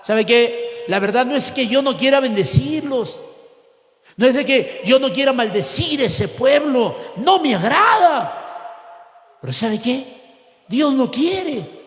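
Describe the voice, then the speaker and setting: A man's voice: very high voice, expressive, slow pace, a bit bright, full character voice. A man preaching, voicing the scheming prophet Balaam as a chummy, wheedling middle-aged man. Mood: sly chummy. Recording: echoey hall with long reverb.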